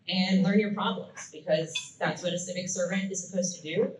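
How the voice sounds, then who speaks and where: Earnest woman at a forum. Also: lowish voice. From Florida, USA. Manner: earnest, occasional self-corrections. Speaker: county commission candidate. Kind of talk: campaign speech at a forum. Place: meeting room at a club event. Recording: echoey room, distant mic, faint noise.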